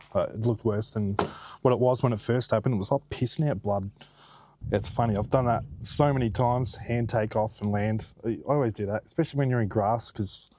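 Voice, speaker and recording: A man's voice: lowish voice, darkish tone. A middle-aged man with an Australian accent, chatting casually for his outdoor vlog, laid-back, laughing often and swearing now and then. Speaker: vlogger. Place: outdoors by a quiet plantation road.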